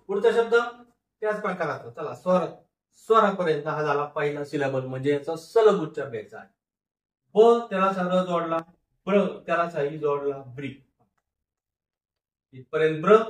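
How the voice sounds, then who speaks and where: Phonics teacher, male, stretches syllables and repeats words; roomy, slightly distant sound. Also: fairly high pitch. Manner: slow, drawn-out syllable-by-syllable sounding out, repeats each word. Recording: echoey room, voice a bit far from mic.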